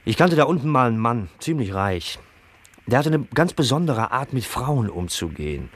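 A man's voice: medium pitch, very animated, normal speed, breathy edge. A cocky, taunting young man. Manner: taunting, mocking. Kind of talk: 1960s radio play acting.

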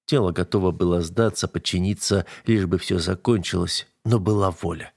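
A man's voice: sits low, steady tone, moderate pace, creaky, darkish tone, breathy edge, no room sound. A man narrating an audiobook in the first person with tense, dramatic storytelling.

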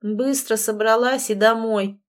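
A woman's voice: on the high side, steady tone, unhurried, natural voice. A woman reading an audiobook, voicing a crude, scruffy young man who sneers in coarse slang. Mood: sneering.

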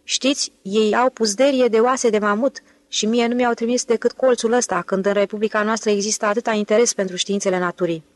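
A woman's voice: a little high, fairly even intonation, dry recording, close to an everyday voice. A woman reading an eager young museum director. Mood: enthusiastic. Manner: eager, talkative, boastful about progress. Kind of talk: audiobook character voice.

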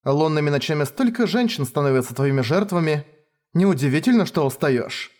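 A man voicing a cold, haughty young swordswoman who speaks deadpan and hisses. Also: on the high side, brisk, close to an everyday voice. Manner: deadpan, hissing, mock-dramatic.

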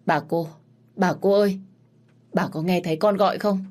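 A woman reads a story aloud, voicing an anxious young woman who calls out pleadingly, pitched above her own voice yet close to everyday speech. Her voice is lowish and darkish in tone, with fairly even intonation at a moderate pace.

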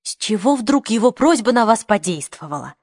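A woman's voice: mid-range voice, sing-song, moderate pace, dry recording, studio quality. A woman reading the part of a young journalist who speaks urgently and firmly. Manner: urgent, forceful. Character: determined young journalist woman, tense and defiant.

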